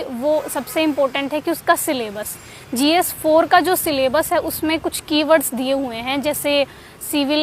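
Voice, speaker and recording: Woman, high-pitched, conversational, filler-heavy, exam study tips, faint traffic behind. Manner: conversational, many fillers and restarts. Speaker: exam topper giving study advice. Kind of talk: casual advice talk.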